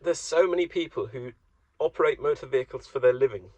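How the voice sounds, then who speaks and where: In a rambling solo monologue, a German vlogger pokes wry fun at himself. His voice sits at medium pitch with a darkish tone and a fast pace, and the close recording is dull and dry.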